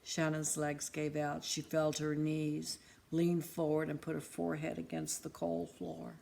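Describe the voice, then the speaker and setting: A woman reading a storybook aloud in an expressive, lively way. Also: deep voice, unhurried, creaky.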